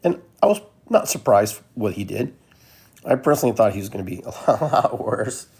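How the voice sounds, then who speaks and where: A man's voice: fairly low pitch, animated, normal speed, vocal fry, a little mellow, slightly rough. A man from Peru hosting a podcast, talking in a loose, rambling monologue that keeps repeating phrases. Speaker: podcast host. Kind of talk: casual monologue.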